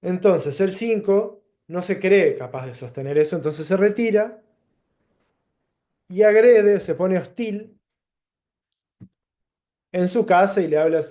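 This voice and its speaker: Rioplatense male lecturer, mellow tone, a bit high-pitched, reflective, pauses and restarts mid-thought. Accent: Rioplatense Spanish. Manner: thoughtful, pauses and restarts, gives plain examples. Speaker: teacher.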